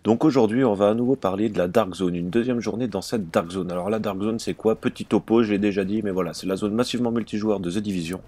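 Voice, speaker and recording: A man's voice: fairly low pitch, fast, hardly any pauses, mellow. A man from France giving casual let's-play commentary as a gaming channel host, chatty and informal, with lots of hesitations.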